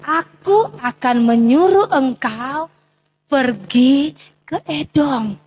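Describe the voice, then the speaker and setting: God in a children's Bible story, slow, firm, lowered voice, Manado Malay accent, as a woman reads him. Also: animated, darkish tone, exaggerated voice. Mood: commanding. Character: God calling and commanding a prophet, calm.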